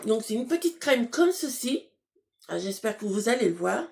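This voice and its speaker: A woman's voice: fairly high pitch, very animated, normal speed, creaky, darkish tone. A woman casually chatting to her viewers while unboxing beauty products, hesitant, with many fillers and restarts, laughing at herself. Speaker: beauty box unboxing vlogger.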